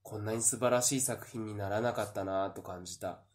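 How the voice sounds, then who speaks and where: As director and writer of a drama troupe, a man gives a polite, earnest thank-you announcement as the closing address. His voice is on the low side, fairly quick, with fairly even intonation.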